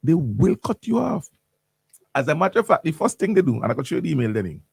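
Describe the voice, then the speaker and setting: A man's voice: a little high, sing-song, fast, gravelly, darkish tone, husky, no room sound. A man hosting morning radio talk, ranting animatedly with lots of repeats and restarts in a studio. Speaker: radio host.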